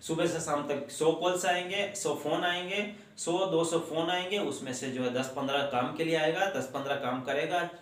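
A man in his thirties talks earnestly to camera from a small room at home, his voice sitting a little high. He keeps repeating his points in a scolding way. The lapel mic picks up a roomy echo. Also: moderate pace, few pauses, fairly bright tone. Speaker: job channel host. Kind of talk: direct-to-camera talk.

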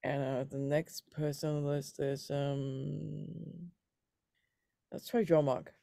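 A man from Hong Kong introducing himself on a video call, relaxed and full of fillers. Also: on the high side, slow pace, vocal fry, no room sound, studio quality. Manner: relaxed, filler-heavy, self-correcting. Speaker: meetup participant, GSoC mentor.

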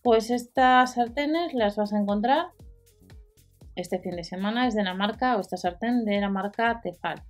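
A woman's voice: mid-range voice, darkish tone. A woman from hosting a deals channel, reading out prices and product details with small fillers, as a voice-over. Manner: listing prices and specs with fillers. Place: voice-over over screen recording.

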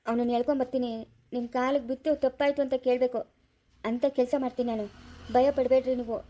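Woman doing older village man, protective, firm, reassuring, quick. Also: sits high, little pitch movement, warm tone.

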